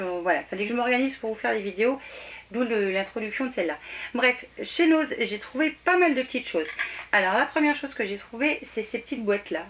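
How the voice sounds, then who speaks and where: A woman's voice: mid-range voice, fairly bright tone, slight background noise. A woman chatting casually to camera about her decor haul, full of hesitations and self-corrections. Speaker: home decor haul vlogger.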